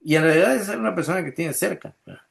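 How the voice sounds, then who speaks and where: A man's voice: fairly high pitch, expressive, fast talker, gravelly. A man pastor, preaching a conversational sermon with frequent restarts, acted-out quotes and checks on his listeners. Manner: chuckles often, asks listeners "¿verdad?".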